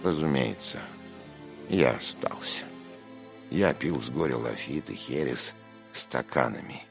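A man narrating a literary story expressively, moving between hushed passages and outbursts. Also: extremely low pitch, expressive, measured pace, creaky, music in the background. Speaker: audiobook narrator.

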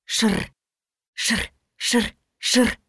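A woman voicing a cheerful young girl who speaks in a bright, gushing, excited way. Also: very slow, no room sound, clean studio sound. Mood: bubbly.

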